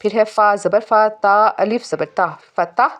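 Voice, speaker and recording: A woman teaching Quran recitation rules, spelling out letters and vowel marks and then reciting each phrase slowly and drawn out. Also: mid-range voice. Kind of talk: step-by-step recitation lesson.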